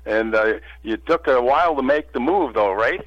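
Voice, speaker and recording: A man's voice: medium pitch, lively intonation, moderate pace, no echo, lo-fi sound. A man hosting a radio interview in a library meeting room, joking and playful in his questions. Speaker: radio host.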